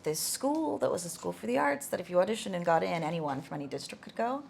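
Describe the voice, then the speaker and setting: A young woman from Canada, chatting as a guest in a relaxed way full of "like" fillers. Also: fairly low pitch, quick pace, creaky, slight background noise. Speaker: guest actor. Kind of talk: casual interview chat.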